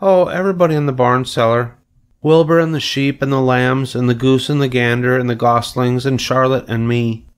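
A man's voice: mid-range voice, fairly even intonation, moderate pace, clear, resonant tone, voice pushed up, close to an everyday voice. A man playing a young farm girl in a storybook, chatting in an eager, matter-of-fact, childlike way.

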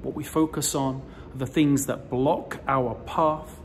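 A man in his forties giving a recorded sermon as a rabbi, telling the story slowly with emphatic rises, filmed close up on a phone indoors. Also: medium pitch, fairly even intonation, a little hiss or hum. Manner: slow, deliberate storytelling delivery with emphatic rises. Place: indoors in front of a decorative wall. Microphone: phone or camera close to the face, selfie framing.

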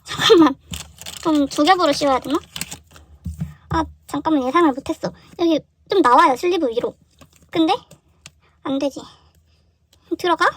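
Young woman vlogger, high voice, excitable, unboxing chatter recorded on a camera mic at a desk indoors. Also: moderate pace, pauses often. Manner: excitable, gasping and exclaiming in surprise. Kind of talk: casual unboxing chat.

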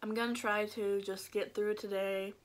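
A woman's voice: medium pitch, level tone, normal speed. A young woman chatting casually to camera as a vlogger, informal and self-deprecating, trailing off, her speech slightly thick as if from a swollen mouth. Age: young adult. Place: small bedroom, indoors. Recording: noisy home bedroom recording.

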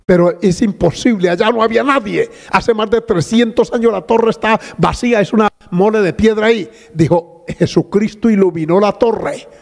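A man's voice: high-pitched, normal speed, gravelly, few pauses. An older man preaching a fervent sermon as a pastor, breaking often into praise and hallelujahs. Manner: fervent, exclamatory, interjects hallelujahs. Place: church sanctuary. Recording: long reverb of a church hall.

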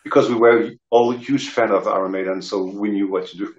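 Low French-accented man in a roomy recording. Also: fairly even intonation, fairly quick. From south of France. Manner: hesitant, searching for words. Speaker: interview guest, rock guitarist and singer. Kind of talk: casual anecdotes. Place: indoor room, video call. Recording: roomy, dull video-call sound.

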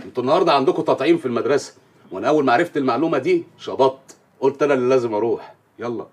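Brief: man as a flustered Egyptian husband, exasperated, fast-talking. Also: mid-range voice, a little mellow, slight background noise, close to an everyday voice. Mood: bickering. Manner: exasperated, pleading comic. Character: flustered young husband, hot-tempered and joking. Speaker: film lead, husband and son. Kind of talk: comic film acting.

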